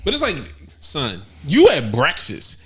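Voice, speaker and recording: A young man co-hosting a podcast, chatting casually with animated, profane storytelling. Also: a little slow, husky. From United States. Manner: animated, profane, bursts into high exclamations. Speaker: podcast co-host. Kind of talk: casual chat.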